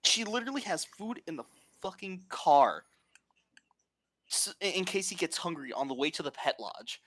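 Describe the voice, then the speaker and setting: A man chats loosely on a podcast, swearing freely as he tells workplace stories. His voice sits a touch high. The sound is dry and close. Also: moderate pace, dry recording. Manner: profane, animated storytelling. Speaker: podcast co-host. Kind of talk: casual chat.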